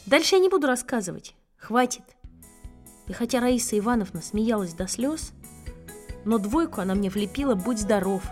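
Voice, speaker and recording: A woman reading a children's story aloud in a lively, expressive first-person telling, with faint music behind. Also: a little high, normal speed. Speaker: story reader.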